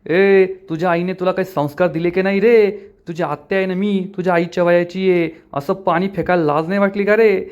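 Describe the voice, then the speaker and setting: A man voicing a spiteful middle-aged aunt, scolding, taunting, raised pitch. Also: moderate pace, muffled recording, lightly acted.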